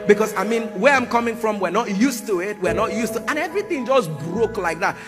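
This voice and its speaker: A man preaching, telling a personal story in an animated way with sound effects and bursts of shouting. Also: high-pitched, fast. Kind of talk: sermon storytelling. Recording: music playing underneath. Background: music.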